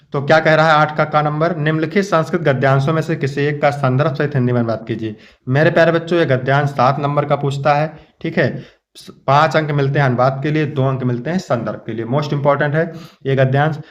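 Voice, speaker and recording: A man from Uttar Pradesh teaching an exam-prep lesson, explaining each line and fondly addressing his students. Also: fairly high pitch. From Uttar Pradesh, India. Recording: slightly dull, lo-fi sound.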